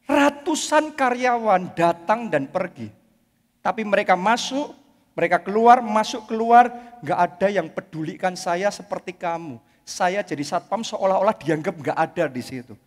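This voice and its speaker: A man voicing a grateful, humble male security guard who speaks quietly and plainly in a sermon story. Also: high voice, expressive, moderate pace, big-room sound. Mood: heartfelt.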